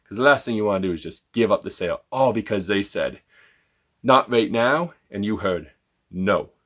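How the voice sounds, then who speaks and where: Casting: male sales trainer, energetic, asks rhetorical questions, role-plays calls. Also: on the low side, fast talker. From Canada. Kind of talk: direct-to-camera sales lesson.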